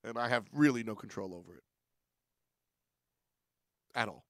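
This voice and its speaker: A man's voice: lowish voice, normal speed, a bit bright, dry recording, studio quality. A man hosting a weekly stream show, rambling through casual commentary in a playful, self-deprecating way.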